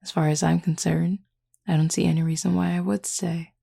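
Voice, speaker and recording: For an intimate audio roleplay, a woman plays a werewolf pack member who is flirty, teasing, and confident, speaking unhurriedly with a husky, gravelly voice. Her voice is on the low side and warm, with little pitch movement and a brisk feel. She sounds sly and teasing.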